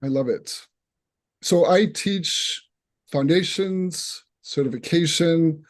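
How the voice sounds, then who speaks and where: Speaking slowly in a slightly high voice, a man with a northeastern US Boston accent earnestly shares his story. It's his self-introduction as an instructor at an online open house on a video call.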